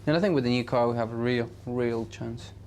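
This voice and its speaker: Flat-voiced racing driver, casual interview. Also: male voice, mid-range voice, brisk, a little hiss or hum. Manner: casual, lots of "you know". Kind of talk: interview answers.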